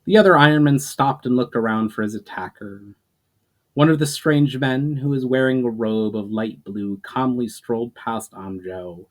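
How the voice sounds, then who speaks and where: Reading an adventure story aloud, a man narrates dramatically, hitting the start of each phrase hard before letting it trail away. His voice sits on the low side.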